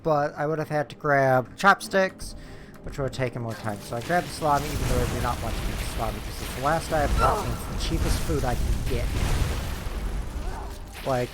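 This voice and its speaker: A man's voice: on the high side, moderate pace, noisy background. A man giving casual, rambling gameplay commentary as a streamer, with offhand asides, close on the microphone. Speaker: game streamer. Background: game music.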